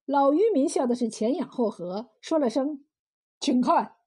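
Woman storyteller, high lively voice, unhurried, mellow and husky. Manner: measured, expressive narration. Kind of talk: told folk tale.

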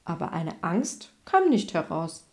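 A woman's voice: on the low side, very animated, unhurried, darkish tone. A woman voicing a curious little girl mouse in a storybook reading, asking wondering questions.

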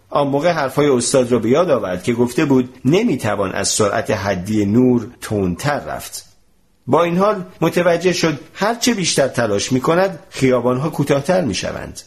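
A man narrating a translated storybook in an expressive, animated reading voice. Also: medium pitch.

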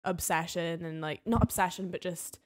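A young woman with a Highland Scottish accent, chatting casually and candidly in a self-questioning way. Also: moderate pace. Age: young adult. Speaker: podcast guest and flatmate of the host. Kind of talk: casual confessional chat about dating.

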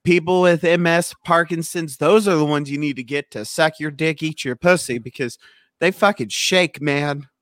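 A man's voice: fairly high pitch, moderate pace, a bit bright, no echo, clean studio sound. A man making crude jokes and laughing often in a casual chat with friends, on painkillers.

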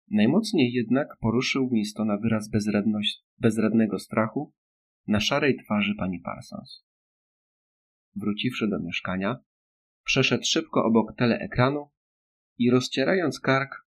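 A man narrating an audiobook in a steady, measured reading. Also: mid-range voice. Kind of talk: scripted narration.

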